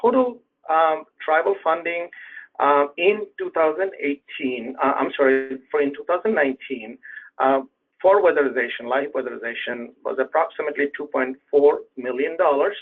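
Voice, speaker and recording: A man giving a measured webinar presentation on program policy, with many ums and uhs, heard over a phone line. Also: fairly high pitch.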